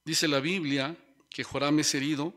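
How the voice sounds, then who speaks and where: Bright-voiced male preacher. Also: fairly high pitch, steady tone, moderate pace. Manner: speaks to the listeners as brothers, tags lines with rhetorical questions. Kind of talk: sermon.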